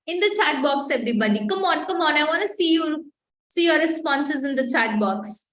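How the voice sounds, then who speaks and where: A woman's voice: high-pitched, animated, normal speed, fairly bright tone. Emphatic woman teaching online. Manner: emphatic and repetitive, coaxing the class to answer in chat. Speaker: communication skills instructor. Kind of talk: live online class. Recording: echoey room with faint noise.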